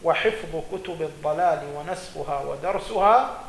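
In a seminary lecture on jurisprudence, a male religious scholar reads out quoted legal passages and then explains them. He speaks at a normal speed in a fairly high, gravelly voice, with slight background noise in an echoey room with faint ambience.

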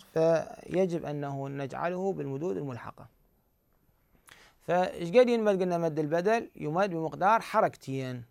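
A man with an Iraqi Arabic accent patiently explains recitation rules in a grammar lesson, his slightly high, very clear voice carrying a darkish tone. He repeatedly poses questions to the class and answers them himself, slowly repeating key words. The recording is dry and close, with no room sound.

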